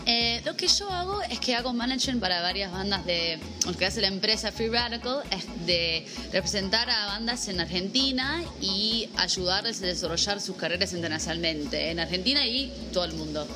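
A woman's voice: mid-range voice, lively intonation, normal speed, hardly any pauses, over music. Young American woman with porteño accent. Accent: Buenos Aires Spanish. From United States. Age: 20s. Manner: easygoing, many "eh" fillers. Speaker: guest, music manager. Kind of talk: casual interview. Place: vegan café.

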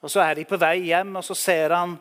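A man's voice: sits high, fairly even intonation, fairly bright tone, clean tone. A man preaching a sermon, telling the story vividly and speaking directly to the listeners.

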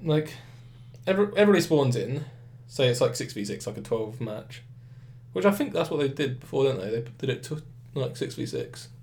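With a British accent and a mid-range voice, a young podcast host talks about games in a sing-song, brisk, slightly mellow way. A head cold makes him a bit nasal and blocked up, and he rambles casually, restarts, and acts out quotes.

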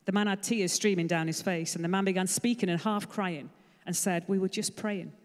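A woman's voice: lowish voice, steady tone, fairly quick. A woman giving an earnest, conversational sermon full of stories. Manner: earnest, conversational, dropping to soft emphasis. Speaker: preacher. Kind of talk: sermon with storytelling. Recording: long hall reverb.

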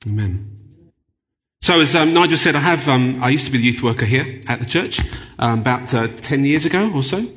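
Man, preacher, chatty storyteller, bright voice, long hall reverb. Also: mid-range voice, brisk, few pauses, breathy edge. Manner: chatty storyteller, many fillers. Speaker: guest preacher. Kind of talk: sermon with anecdotes. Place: church.

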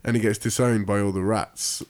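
A man's voice: fairly low pitch, steady tone, normal speed, darkish tone. Playful man spinning silly stories. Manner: playful, laughs often, spins silly stories. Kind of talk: improvised comedy chat.

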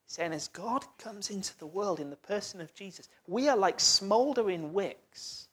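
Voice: medium pitch, expressive, normal speed, fairly bright tone, husky. A preacher giving a sermon, talking conversationally and putting questions to the congregation, with the voice often sinking almost to a whisper.

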